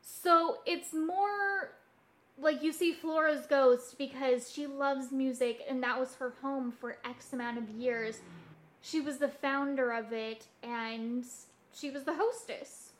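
A woman co-hosts a casual podcast about hauntings, telling stories informally and thinking out loud with some hesitation. Her voice is high-pitched and fairly bright, and she speaks slowly.

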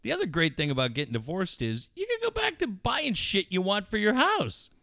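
A man's voice: sits high, huge pitch swings, fairly quick, creaky, sharp tone, no echo, studio quality. A middle-aged man from Southern California hosting talk radio, rambling and swearing in casual banter. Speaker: radio show host.

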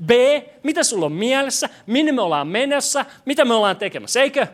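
A young man with a very high, slightly bright voice preaches very animatedly to a congregation gathered in a church hall. As pastor he makes self-deprecating jokes and asks the audience questions, stumbling, stammering and restarting along the way.

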